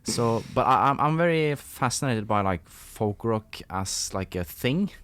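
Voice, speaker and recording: A man's voice: mid-range voice, expressive, unhurried, a bit bright, clean tone, no echo. A man hosting a music podcast, asking questions in a rambling, enthusiastic way with many fillers. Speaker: podcast host. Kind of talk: casual interview.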